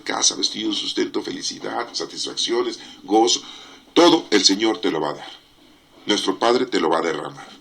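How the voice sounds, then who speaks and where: A man's voice: lowish voice, sharp tone. A man explains the Sunday Bible readings in a sermon style, emphatic and repetitive, speaking straight to his listeners.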